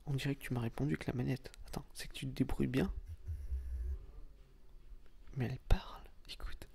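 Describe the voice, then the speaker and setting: Gravelly whispering man, whispered role-play. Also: medium pitch, fairly even intonation, fairly quick. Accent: regional French. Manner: teasing, gentle, patient coaching. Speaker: ASMR boyfriend teaching his girlfriend a video game.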